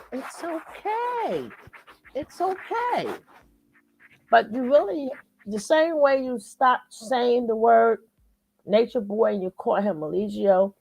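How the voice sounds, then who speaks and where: A woman's voice: on the high side, lively intonation, takes it slowly, vocal fry, darkish tone, no room sound, low-quality recording. A woman hosting a live reaction stream, talking emphatically and repeating her points like a lecture. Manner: emphatic, preachy, repeats phrases for effect. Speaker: commentary host.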